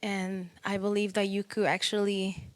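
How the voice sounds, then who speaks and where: A woman's voice: mid-range voice, completely flat delivery, normal speed. A young woman from the Dominican Republic, a singer guest in a casual interview, bubbly and laughing often, with many fillers.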